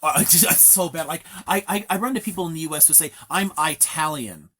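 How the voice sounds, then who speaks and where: Man, host, slightly high voice, rambling live chat, lots of restarts. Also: a little fast, bright, forceful tone. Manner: rambling, many restarts and fillers. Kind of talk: casual live-stream chat.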